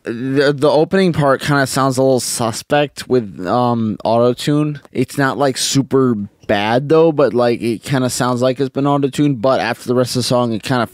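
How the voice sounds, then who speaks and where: A man's voice: medium pitch, normal speed, hardly any pauses, no echo. A man in his twenties giving a casual, drunk and rambling review into a close microphone. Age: 20s. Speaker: music reviewer. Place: small home music room, indoors. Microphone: close boom-arm microphone with headphones.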